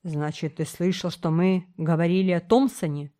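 A woman voicing a rough young male gold digger who threatens in a low, hissing voice. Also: fairly even intonation, normal speed, warm tone, natural voice. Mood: menacing.

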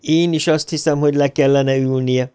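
A cool, elegant gentleman in a storybook who gives orders in a calm, measured voice, as a male narrator puts him on. His pitch sits a little above the reader's own, steady and unhurried. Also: clean tone, close to an everyday voice. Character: cool, composed, elegant older man.

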